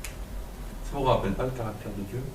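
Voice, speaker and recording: A man's voice: mid-range voice, fairly even intonation, moderate pace, echoey room, recorded from a distance, a little hiss or hum, low-quality recording. A man preaching a sermon with a Marseille accent, emphatic and rhetorical, repeating phrases and building to fervent peaks. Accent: Marseille French.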